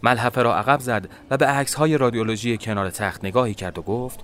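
A man narrating a first-person story in a measured, dramatic storytelling manner. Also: medium pitch, a bit bright.

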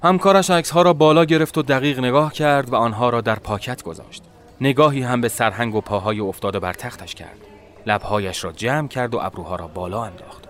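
A man narrating a first-person story in a measured, dramatic storytelling manner. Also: mid-range voice, fairly bright tone, slight background noise.

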